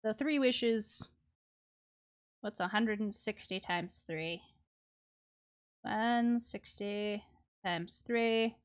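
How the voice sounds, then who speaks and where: With music behind her, a woman livestreams a game in casual chat, drawing out her words and pausing often. Her mid-range voice is clear and resonant. This playful game streamer is prone to muttering little sound words to herself.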